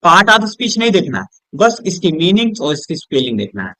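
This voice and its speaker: A man with Hindi-accented English, teaching a lesson at a board, asking questions and answering them himself, softer and lower on each answer word. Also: big pitch swings, fairly quick, no echo. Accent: Hindi-accented English words. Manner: drops low and soft on the answer words; keeps checking with "is that clear?".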